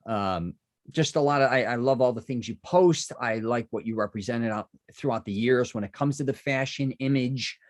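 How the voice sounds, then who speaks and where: A Chicago man hosts a podcast, rambling through a casual interview chat with plenty of asides and restarts. His voice sits in the mid-range and moves at normal speed.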